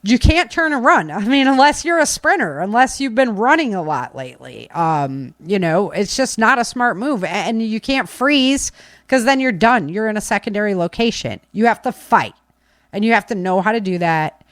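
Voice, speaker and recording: Mid-range and animated, a woman speaks at a moderate pace in a clean studio recording free of room sound. Her casual, opinionated podcast talk about preparedness and self-defense is insistent, with key phrases repeated for stress as she gives firm advice.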